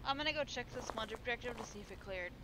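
A woman streamer chatting casually during a ghost-hunting game, loud and profane, yelling taunts at the ghost. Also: a little high, animated, fast talker. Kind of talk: casual gaming chat with friends. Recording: loud background noise.

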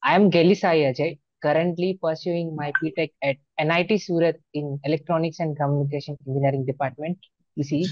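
A man's voice: fairly high pitch, steady tone, fast talker, a little hiss or hum. A man in his early twenties, a native Telugu speaker with a Telugu Indian accent, answering interview questions on a lo-fi video call. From Andhra Pradesh, India. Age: early 20s. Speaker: student exam topper being interviewed. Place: small plain room indoors. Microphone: wired earphones on video call. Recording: dull lo-fi video-call audio.

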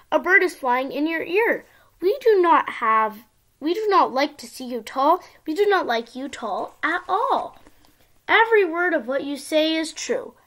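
A young girl with a high, childlike voice reads a picture book aloud to little kids. Her delivery is expressive and sing-song, in the manner of a storytime for small children. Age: child, around ten. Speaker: young video channel host reading a picture book. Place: small indoor room at home.

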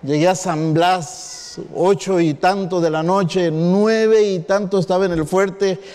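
Man, 50s, pastor, animated sermon, high-pitched. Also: slow, clean tone. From northwestern Mexico. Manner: animated storyteller acting out quotes. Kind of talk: sermon with personal storytelling. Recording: long reverb in a hall.

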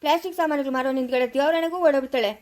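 A woman's voice: high voice, racing, darkish tone, natural voice. A woman playing a scornful village gossip. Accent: rural Chikkaballapura Kannada.

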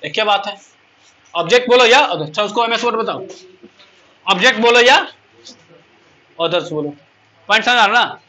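A man teaching English in a classroom speaks in a high, bright, expressive voice at normal speed, with long pauses. As he explains each point, he keeps asking his students questions. The recording is muffled.

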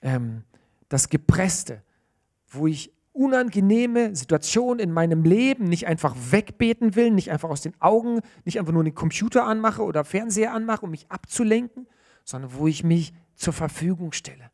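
Male preacher, 30s, earnest church sermon, animated delivery, lots of fillers and restarts. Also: high voice, moderate pace.

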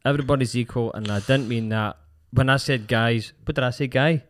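Sweary, jokey Glaswegian podcast host. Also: male voice, medium pitch, steady tone, a little fast, slight background noise. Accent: Glasgow, Scottish. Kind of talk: casual chat. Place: small podcast studio. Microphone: close studio microphone with headphones.

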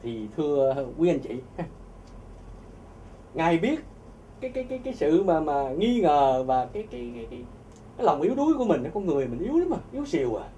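A man telling a religious testimony to an audience, animated and often repeating words as he searches for them. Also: fairly high pitch, a little fast, far from the mic, slight background noise. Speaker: speaker giving a religious testimony.

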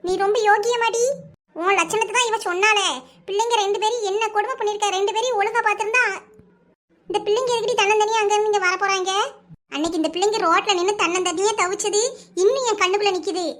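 A woman with a Kanyakumari Tamil accent voicing a fierce, protective village woman who scolds loudly. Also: extremely high pitch, steady tone, fast. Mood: scolding. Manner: loud scolding, threatening.

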